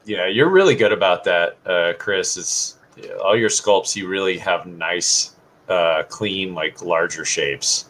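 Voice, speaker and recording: Man, very deep voice, casual co-host chat, rambling, faint background hiss. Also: measured pace, rough recording. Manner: relaxed, rambling, many fillers. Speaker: podcast co-host.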